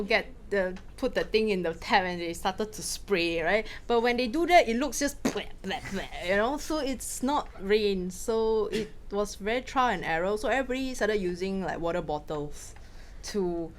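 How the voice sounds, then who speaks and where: A woman from Malaysia, a film director, answering questions in a casual talk with quick anecdotes and frequent laughs. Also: mid-range voice, a little hiss or hum. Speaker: film director giving a masterclass.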